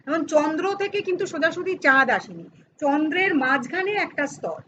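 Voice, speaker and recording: A woman's voice: sits high, big pitch swings, fairly quick, pushed and bright, dull audio, slight background noise. A middle-aged woman teaching a grammar lesson to students, explaining step by step and asking and answering her own questions. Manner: addresses students informally, teasing aside.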